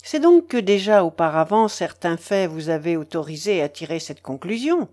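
Woman reader as a pompous middle-aged businessman, smug, lecturing, falsely gentle, lilting. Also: on the low side, sing-song, moderate pace, voice pushed down.

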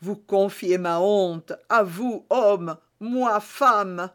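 A man reading aloud, voicing a scheming captive woman who pleads piously and slowly. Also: sits high, fairly bright tone, clean tone, exaggerated voice. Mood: sorrowful. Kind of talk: audiobook character reading.

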